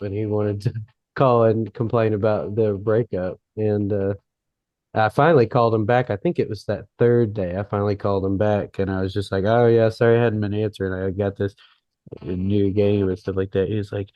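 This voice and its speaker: A man's voice: on the low side, fairly even intonation, moderate pace, no room sound. A man chatting on a podcast, telling easygoing stories with fillers and frequent laughs. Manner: easygoing storyteller, laughs often, many fillers. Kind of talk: casual chat. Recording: dull, muffled sound.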